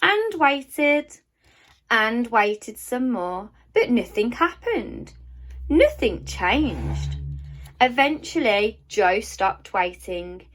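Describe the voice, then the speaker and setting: A woman with a fairly high voice reads a children's picture book aloud the way a primary teacher would. She tells the story expressively, pausing deliberately and stressing key words.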